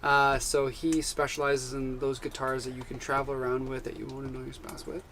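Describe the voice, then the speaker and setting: A man co-hosting a live van life chat, talking casually and upbeat, often chiming in with quick agreements. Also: mid-range voice, completely flat delivery, a bit bright, a little hiss or hum. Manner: upbeat, chatty, quick to chime in with short agreements.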